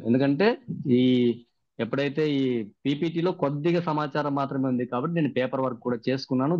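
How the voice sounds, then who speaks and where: A man's voice: mid-range voice, darkish tone, no room sound. A man, the trainer of a workshop, recaps the sessions and keeps putting questions to the participants over a video call. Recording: dry, muffled video-call audio.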